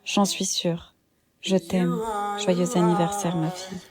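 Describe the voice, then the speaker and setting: A woman voicing a tender mother who speaks gently and soothingly to her teenage daughter. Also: lowish voice, completely flat delivery, measured pace, noisy background, close to an everyday voice.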